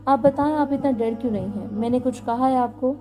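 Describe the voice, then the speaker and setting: A woman voicing a gentle, flustered young groom in a romance story, with faint music behind. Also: high voice, fairly quick, close to an everyday voice. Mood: coaxing. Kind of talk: story narration.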